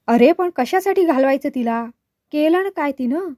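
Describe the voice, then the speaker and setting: A woman reading the lines of a stern, hot-tempered older father in a storybook, gruff and scolding. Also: high-pitched, animated, moderate pace, no echo, studio quality. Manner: gruff, scolding, shouting in anger.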